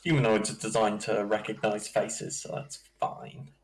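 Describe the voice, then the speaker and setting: A man running a tabletop game as dungeon master, narrating in a slow, halting way with chuckles. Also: on the low side, level tone, crowd noise, rough recording.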